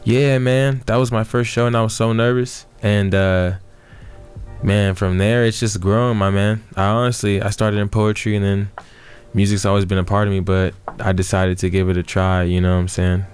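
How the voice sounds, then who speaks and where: A man's voice: fairly low pitch, level tone, normal speed, a little mellow. A young man, a rapper and musician, talking casually in a radio studio interview, laid-back and rambling with lots of fillers. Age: young adult.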